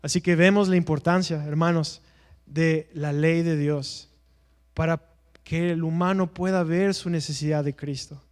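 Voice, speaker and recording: High-voiced man teaching in echoing church. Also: steady tone, unhurried, darkish tone, smooth. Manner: earnest, asks rhetorical questions and answers them. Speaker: evangelism teacher. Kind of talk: preaching-style church class.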